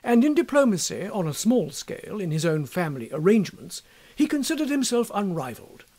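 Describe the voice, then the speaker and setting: A man reading a classic story aloud in a wry, measured narrating style. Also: high voice, sing-song, darkish tone. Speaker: audiobook reader.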